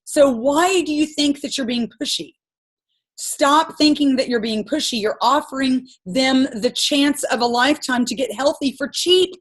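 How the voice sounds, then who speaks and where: A woman coaching her sales team on a group call, giving an impassioned, rambling pep talk full of stories. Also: sits high.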